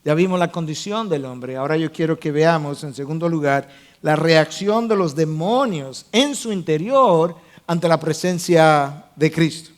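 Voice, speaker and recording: A man's voice: fairly high pitch, expressive, measured pace. A man pastor preaching a sermon, explaining the text step by step, defining original-language words and putting questions to his listeners.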